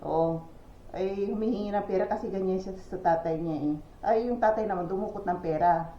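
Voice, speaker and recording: A Filipina woman talks casually to her viewers, storytelling in a chatty, gossipy way and dropping lots of exclamations. Her voice sits at a middling pitch for a woman. The recording is roomy and echoey, a bit dull and lo-fi, with faint ambience behind her. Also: brisk, a little hiss or hum. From Philippines. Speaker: vlogger.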